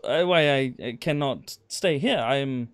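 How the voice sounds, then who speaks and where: A man's voice: medium pitch, unhurried, clear, resonant tone, dry recording, close to an everyday voice. A man voicing a proud foreign woman doctor, speaking stiff, broken English with a German accent. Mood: haughty. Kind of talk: in-character tabletop role-play.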